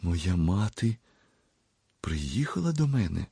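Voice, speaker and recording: A man's voice: low-pitched, very animated, slow pace, creaky, warm tone, slightly rough, dry recording, studio quality, full character voice. A man voicing a proud, bitter young man who speaks in agitated, rising outbursts.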